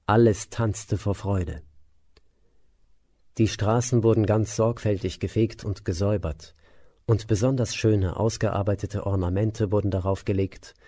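A man narrating an epic tale in a measured, even reading. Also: lowish voice. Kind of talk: storybook narration.

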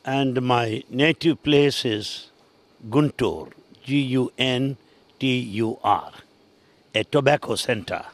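An older man with an Indian English accent, answering interview questions in a measured, deliberate way. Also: mid-range voice. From Andhra Pradesh, India. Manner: measured, deliberate, spells words out. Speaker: interview guest.

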